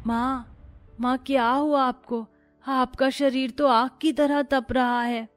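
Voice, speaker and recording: A poor little cartoon boy speaks in a very high, shrill, childlike voice. He sounds eager and pleading, his words pushed up high and thin. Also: flat delivery, slow, soft background music. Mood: caring. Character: young boy, poor and frightened, devoted son. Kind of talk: cartoon story voice acting.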